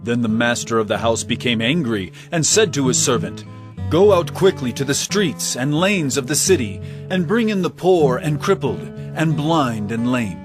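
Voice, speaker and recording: An actor playing Jesus as an earnest teacher of parables in an audio drama, speaking in measured, emphatic oratory. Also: male voice, mid-range voice, lively intonation, music in the background, close to an everyday voice. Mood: storytelling. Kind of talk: audio drama Bible acting.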